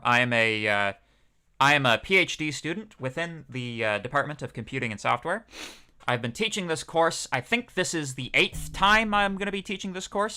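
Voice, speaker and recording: Chatty young man lecturing, bright voice. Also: mid-range voice, clear, resonant tone. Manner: chatty, rambling, with many fillers. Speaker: university lecturer, PhD student. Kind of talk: casual livestreamed lecture.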